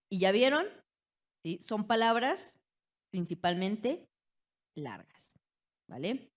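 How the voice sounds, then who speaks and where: A woman teacher with a Mexican accent giving an online class, slowly stretching key words and checking in with her students. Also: a little high. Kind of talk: online class lecture on spelling.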